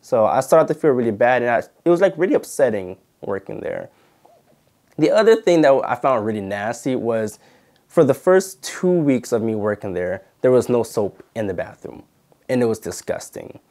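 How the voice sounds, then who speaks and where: A man's voice: mid-range voice, expressive, normal speed, darkish tone. A young man telling a story to camera in a casual, indignant way, full of "like" and "you know". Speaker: channel host and former videographer.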